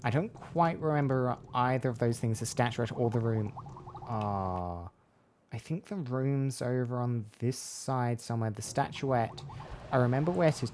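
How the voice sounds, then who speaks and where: A man doing casual let's-play commentary, low-key and half muttering to himself as he plays. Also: a little slow, a little mellow, a little hiss or hum. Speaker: game player and commentator.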